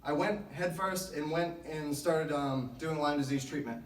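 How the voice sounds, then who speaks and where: A man's voice: on the high side, a little slow, slight background noise. Echoey, distant man giving a motivational team speech. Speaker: motivational speaker. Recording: echoey room, distant microphone.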